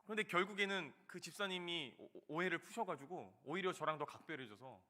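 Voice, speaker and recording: A man in his thirties preaching a sermon, telling a personal story with loud emphatic bursts and soft quiet asides. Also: fairly high pitch, a little fast. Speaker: junior pastor. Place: church sanctuary.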